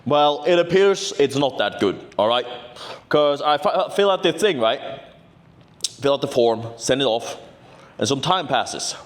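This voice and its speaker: A man's voice: mid-range voice, animated, measured pace. Brash, cursing young man. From Norway. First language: Norwegian. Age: 20s. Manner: brash, boastful and profane, full of "right?" tags. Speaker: vlogger. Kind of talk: casual storytelling vlog.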